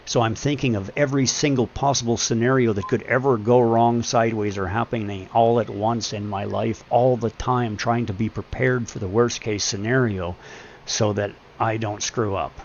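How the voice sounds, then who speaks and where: A man in his forties with a deep voice, musing earnestly and at length in a casual live-stream monologue. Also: fairly even intonation, normal speed, lo-fi sound, a little hiss or hum. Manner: earnest, rambling, philosophizing.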